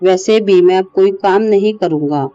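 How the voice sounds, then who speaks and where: A woman's voice: medium pitch, normal speed, warm tone, no room sound, lo-fi sound, faint music behind, natural voice. A woman voicing a bitter young husband in a horror story. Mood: angry. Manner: harsh.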